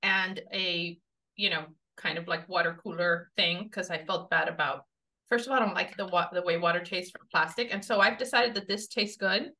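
A woman's voice: on the low side, fairly even intonation, normal speed, bright, forceful tone, far from the mic. Woman sounding hollow, as if in a metal tank. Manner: chatty, rambling, laughs easily. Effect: hollow, tinny sound like inside a metal tank. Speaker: podcast guest, the host's mother. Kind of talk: casual family chat. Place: large open great room in a house. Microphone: podcast mic, not spoken into closely. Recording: hollow tinny echo from a big room.

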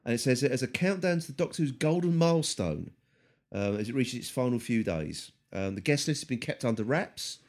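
A man hosting a casual podcast chat, halting with many ums and teasing his co-hosts. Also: medium pitch, animated. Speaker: podcast host.

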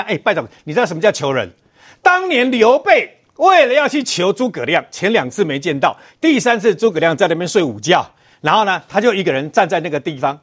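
Man, Taiwanese accent, talk show pundit, very high pitch, lively scolding delivery. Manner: animated, scolding, rhetorical questions. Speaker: political commentator. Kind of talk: heated political talk show commentary.

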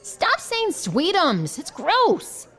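A woman's voice: very high-pitched, huge pitch swings, extremely slow, a bit bright, full character voice. A woman playing a feisty, foul-mouthed, snappy friend in a comedy audio drama. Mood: disgusted, snappy. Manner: snappy, exasperated.

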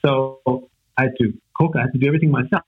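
Over a thin, phone-like connection, a guest from Austria, a native German speaker in his forties, races through his thoughts in a steady, medium-pitched voice with a breathy edge. Despite the speed he is hesitant, full of fillers and "right?" tags as he reflects conversationally.

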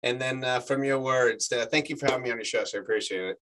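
A man in his forties from the United States, a native Spanish speaker, chats casually as an actor guest, spinning animated stories packed with fillers. His voice sits mid-range and he talks fast, with slight background noise.

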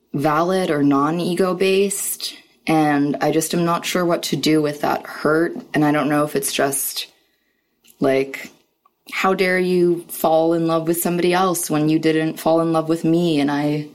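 Female listener leaving a voice message, very deep and gravelly with fry, hesitant and thoughtful. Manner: hesitant, halting, reflective. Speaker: listener sending in a question. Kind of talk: personal voice message.

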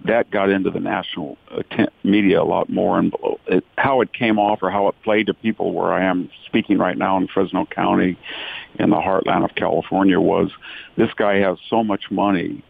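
Opinionated male pundit, deep and gravelly, calling in over a tinny phone. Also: fairly even intonation, normal speed, no room sound. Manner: long-winded, emphatic, opinionated. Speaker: political commentator. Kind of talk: remote radio interview answer. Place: speaking from central California. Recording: dry tinny phone line.

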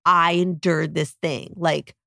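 A woman's voice: fairly low pitch, normal speed, vocal fry, no echo, clean studio sound. A woman hosting a podcast, talking in a reassuring, conversational way with many fillers. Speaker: podcast host. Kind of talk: casual chat.

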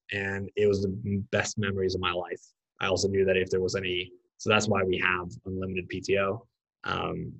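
Earnest Norwegian-raised startup founder, low voice. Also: male voice, low-quality recording. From Norway. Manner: earnest, enthusiastic, with fillers. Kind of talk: podcast interview.

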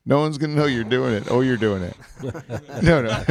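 A man's voice: mid-range voice, animated, takes it slowly, crowd noise. A man hosting a podcast in casual chat, rambling and laughing as he tells stories. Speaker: podcast host.

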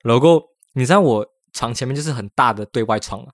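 A man telling a story in casual podcast chat. He is animated, often laughs, and drops English words into his talk. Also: medium pitch, fast, no echo, clean studio sound. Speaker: podcast co-host.

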